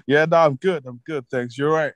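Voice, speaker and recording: A relaxed man in his twenties from Zimbabwe talks about his life as a musician guest. He laughs easily and repeats words as he gathers his thoughts, and his voice sounds dry and close, with no room around it. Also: mid-range voice, no room sound, poor audio. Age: 20s. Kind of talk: casual interview chat.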